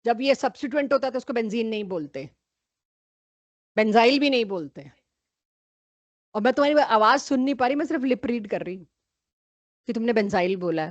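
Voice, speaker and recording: A woman's voice: mid-range voice, dry recording, lo-fi sound. A woman chemistry teacher giving a live online class, calling on students by name and correcting them firmly.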